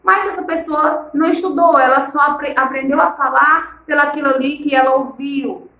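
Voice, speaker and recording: A woman's voice: sits high, steady tone, moderate pace, pushed and bright, echoey room, rough recording. A woman teacher from Maranhão with a northeastern Brazilian accent, explaining a lesson and asking the class rhetorical questions. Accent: Maranhão Brazilian Portuguese. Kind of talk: recorded online class lesson.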